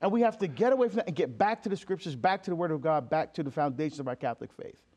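The guest is a man from Barbados, a deacon and author, with a slightly high, darkish voice, lively intonation and a racing pace. Speaking emphatically in an impassioned, conversational interview, he acts out quoted exchanges and fills his speech with fillers and restarts.

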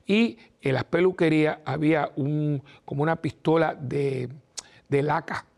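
A man's voice: fairly high pitch, unhurried, gravelly, a little mellow. A man, a priest hosting his own program, telling personal family stories in a rambling, chatty way and acting out the dialogue. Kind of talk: casual storytelling talk.

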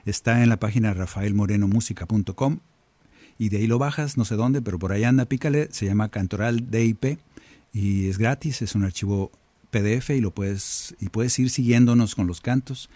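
A man with a husky, fairly low voice leads prayer from his own studio, speaking at a moderate pace in a dry recording. Addressing listeners as brothers and sisters, he reflects animatedly and performs quoted voices.

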